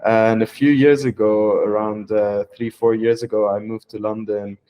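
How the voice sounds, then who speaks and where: A startup founder from Lebanon, young and male, gives a testimonial interview in a fairly low, warm voice with level intonation. His speech is halting and full of fillers and false starts.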